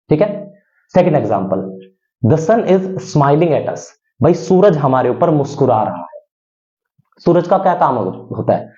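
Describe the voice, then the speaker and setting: A man teaching a lesson, explaining in Hindi and reading English examples slowly and deliberately. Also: fairly high pitch, dark tone. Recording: dull lo-fi sound.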